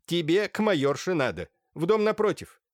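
A bossy, sharp-tongued older noblewoman barking orders in a raised voice, as a male reader puts her on. Her lines rise in pitch and bite, recorded dry and close. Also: big pitch swings, normal speed, dry recording. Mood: brusque. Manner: sharp and commanding. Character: bossy imperious noblewoman, older lady of the house.

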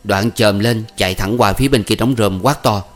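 Low-voiced male storyteller. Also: normal speed, faint music behind. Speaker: narrator.

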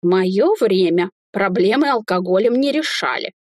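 A woman's voice: medium pitch, expressive, moderate pace, darkish tone, no echo, clean studio sound, lightly acted. A woman reading the part of an indignant, huffy old male hotel guest. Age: older.

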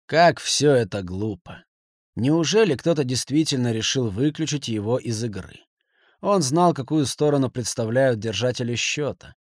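A man narrating a crime novel audiobook in a dramatic, expressive reading style. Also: medium pitch, moderate pace, no room sound, clean studio sound. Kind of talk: scripted narration.

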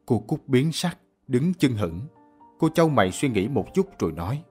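A man narrating a radio drama in an even storytelling manner. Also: medium pitch, normal speed, slightly rough, soft background music.

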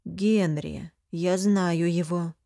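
A woman reading the lines of a stern, coldly calm male duke and mage in an audiobook. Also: on the low side, very slow, no echo, clean studio sound. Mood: measured. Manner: calm, cold, interrogating.

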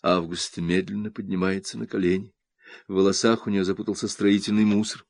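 Мужчина читает аудиокнигу, сухой звук. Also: male voice, sits low, no echo. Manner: lively, theatrical reading. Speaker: audiobook reader. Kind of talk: expressive audiobook narration.

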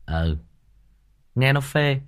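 A man's voice: medium pitch, expressive, drawn-out words, clear, resonant tone. A man hosting a story channel, talking casually about a story to his viewers, rambling and often repeating words as he searches for the next one. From Vietnam. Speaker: audiobook narrator and channel host. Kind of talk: casual livestream commentary.

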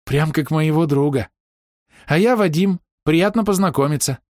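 A man's voice: fairly high pitch, darkish tone, no room sound, studio quality, voice pushed up, close to an everyday voice. A man reading an audiobook, voicing a starstruck young male gamer who gushes in awe. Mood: eager. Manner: gushing with awe, slow and drawn out.

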